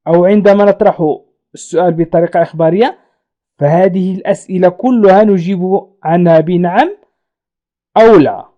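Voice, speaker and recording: A man teaching French grammar in Arabic, slowly and patiently repeating each example sentence. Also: high-pitched, dark tone, dull audio. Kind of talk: language lesson explaining French questions.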